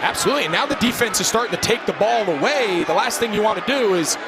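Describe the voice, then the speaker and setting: An American man analyses a football game live in a high, lifted voice. He explains conversationally as a broadcast colour commentator, with a loud stadium crowd and heavy noise behind him. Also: lively intonation, quick pace.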